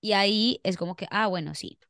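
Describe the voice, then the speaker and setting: Rambling and laughing through her stories, this young Colombian podcast co-host keeps the conversation casual. Her mid-range female voice is a bit bright and a little fast, captured in clean studio sound without echo.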